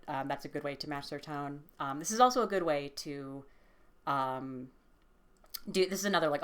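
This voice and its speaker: A woman casually explaining voice training exercises, relaxed and hesitant with many fillers. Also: low-pitched. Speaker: voice training tutor. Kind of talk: casual instructional vlog.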